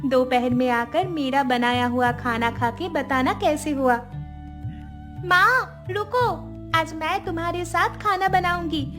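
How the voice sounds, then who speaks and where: A woman voicing a young daughter-in-law in a cartoon, shrill and pleading. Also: takes it slowly, a bit bright, soft background music. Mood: cheerful. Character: young daughter-in-law Mala, defiant then tearful. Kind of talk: cartoon voice acting.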